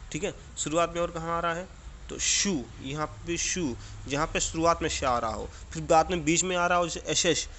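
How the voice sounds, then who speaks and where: A man teaching an exercise to children, reading each sentence slowly and then explaining it. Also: fairly high pitch, a bit bright, a little hiss or hum. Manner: reads English sentences slowly, then explains them in Hindi; repeats key words and checks in with "theek hai". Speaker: English teacher. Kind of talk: classroom lesson explaining exercises.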